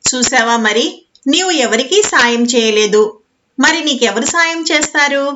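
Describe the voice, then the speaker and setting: A woman voicing the wind, gently chiding a goat kid and telling it how to escape, in a storybook reading. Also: high-pitched, lively intonation, measured pace, dull audio, heavily acted. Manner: gently chiding, giving a plan. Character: kindly talking wind, lecturing then helping.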